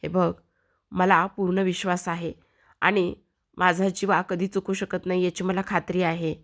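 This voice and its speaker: A woman's voice: on the low side, level tone, measured pace. A woman voicing a mother who soothes and reassures her grown son, retold from a TV serial. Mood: soothing.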